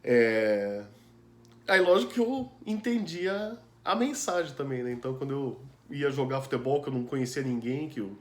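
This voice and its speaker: A man's voice: medium pitch, animated, normal speed. A man from Brazil with a Brazilian Portuguese accent, telling a personal story in a loose, chatty way. He fills his talk with asides and tag questions and laughs often. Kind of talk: casual storytelling chat. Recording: roomy echo with faint ambience.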